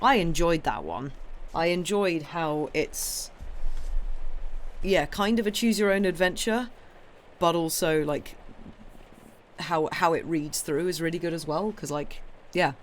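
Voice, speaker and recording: Her voice is lowish, hoarse and croaky, and she takes her time, with a faint hiss or hum in the background. The young livestream story reader chats casually with viewers after a reading, rambling in a friendly, apologetic way with many ums and restarts.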